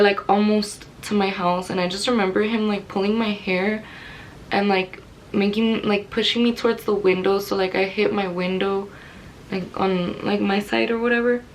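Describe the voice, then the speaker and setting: Young woman, middle pitch, chatty rambling vlog story, bit of low rumble behind. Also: poor audio. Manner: candid, rambling, many "like" fillers. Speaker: vlogger. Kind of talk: personal storytelling to camera.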